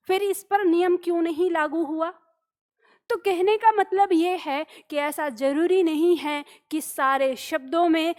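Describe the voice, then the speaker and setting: A woman teaching a grammar lesson, patiently explaining rules, repeating example words and checking in with her students. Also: very high-pitched.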